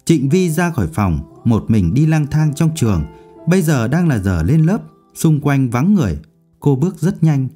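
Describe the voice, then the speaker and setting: A man narrating a novel audiobook in an expressive, measured reading. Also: medium pitch.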